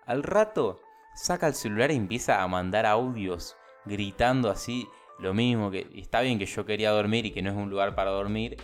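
A man with a Buenos Aires accent telling a story casually on a podcast, animated and acting out what people said. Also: fairly low pitch. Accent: Argentine, Buenos Aires. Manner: animated, acts out the dialogue of people in his story. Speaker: podcast host.

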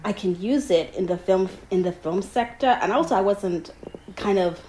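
A young woman from Uganda chats as an interview guest over an online call. Her talk is relaxed and conversational, with many fillers and easy laughter. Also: mid-range voice, normal speed, poor audio.

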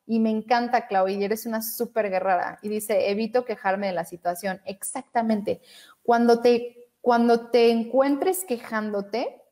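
A woman with a slightly high, darkish voice hosts a motivational live stream as a coach, encouraging her viewers and reading their comments aloud.

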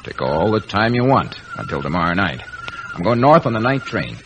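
A man's voice: on the low side, sing-song, fairly quick. An actor playing a cool, menacing American gangster killer with slangy, taunting tough-guy talk in an old radio drama. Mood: cool menace. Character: cool, menacing gangster killer sweet-talking his frightened girl. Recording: noisy vintage radio recording.

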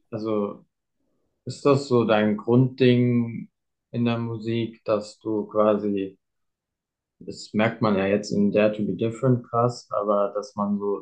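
A man's voice: on the low side, darkish tone, low-quality recording. A man interviewing a guest in a casual, chatty way, asking loose, rambling questions full of fillers.

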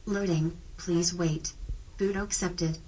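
A woman voicing a malfunctioning computer system that glitches like a robot, announcing its status messages in a flat, mechanical way. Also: lowish voice, takes it slowly. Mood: alarmed. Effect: glitching robot-like machine voice. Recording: distant mic, faint background noise.

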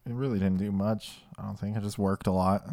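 A man's voice: fairly low pitch, fairly even intonation, brisk, warm tone, no room sound. A laid-back young man chatting on a podcast in an apartment, laughing between lines. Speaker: podcast co-host. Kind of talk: casual chat. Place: apartment living room.

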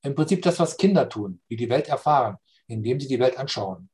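A man explaining spiritual and philosophical ideas in a slow, reflective conversation, often checking understanding with "ja?". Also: medium pitch, animated, darkish tone.

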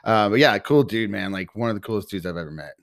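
Brief: easygoing male podcast co-host, low pitch, casual swearing, dry sound. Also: lively intonation, fast, no echo. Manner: laid-back, swears casually, chimes in with jokes. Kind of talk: casual chat.

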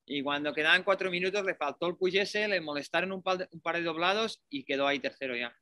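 A man's voice: fairly high pitch, fast, sharp tone, no echo, studio quality. A man with a Spanish accent from Spain chatting casually and colloquially about sports, offering his opinions.

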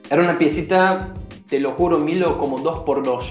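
A man's voice: fairly high pitch, normal speed. Laughing man from Brazil telling stories. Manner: slangy, laughing, animated storyteller. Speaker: guest. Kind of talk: casual storytelling chat. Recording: roomy echo with faint music.

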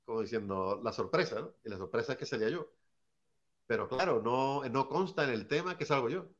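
A man with a mid-range voice and lively intonation talks a little fast, recounting hip hop anecdotes in a rambling, easygoing way. He's an early hip hop artist from Seville, Spain, who often tacks on "¿sabes?", and the sound is lo-fi.

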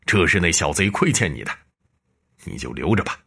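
A man voicing a ghost general from the underworld, cold and commanding, deep and slow. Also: very animated, gravelly, pushed and bright, breathy edge, full character voice.

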